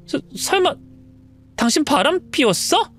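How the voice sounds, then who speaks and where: Woman doing a furious wronged wife, higher voice, animated. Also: a little slow, soft background music. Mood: shocked. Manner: indignant, pleading.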